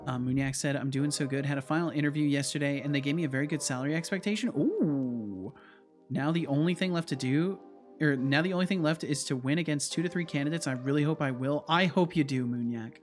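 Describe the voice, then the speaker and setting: Guy with a slightly high voice on a coding stream, thinking out loud, faint music behind. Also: fairly quick. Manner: thinks aloud, hums to himself. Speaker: game developer livestream host. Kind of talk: casual livestream chat while coding.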